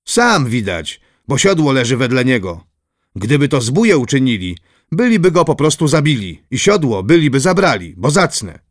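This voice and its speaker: A man's voice: mid-range voice, very animated, normal speed, dry recording, studio quality. A man voicing a bold, fearless male squire who speaks bluntly, in an audiobook reading. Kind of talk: audiobook character voice.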